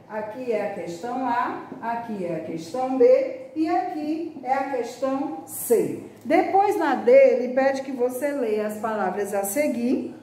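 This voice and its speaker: A Brazilian woman teacher leads a children's lesson, slow and patient, drawing out each syllable. Her voice sits a little high but mellow. The recording rings with heavy room echo. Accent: Brazilian Portuguese. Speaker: primary school teacher. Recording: very echoey room.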